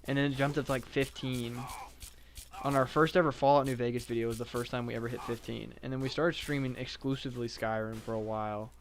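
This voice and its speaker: A man live-streaming a game, chatting casually in a self-described monotone with lots of filler words. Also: medium pitch, quick pace, a little hiss or hum. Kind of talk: casual live-stream chat while playing.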